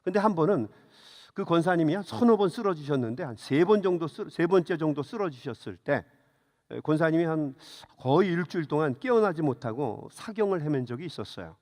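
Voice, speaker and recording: A man's voice: a little high, animated, brisk, darkish tone. A middle-aged man preaching a sermon as a pastor, telling a story and then urging his congregation with fervor. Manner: storytelling, rising to fervent exhortation. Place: church sanctuary. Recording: reverberant church hall.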